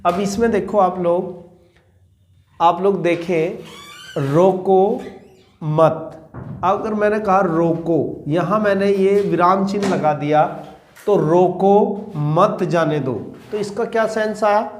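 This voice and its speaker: Slow, repetitive Hindi grammar teacher. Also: male voice, sits high, reverberant. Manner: slow, repeats key words for students to note. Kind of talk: exam-prep grammar lesson. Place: classroom or small teaching room.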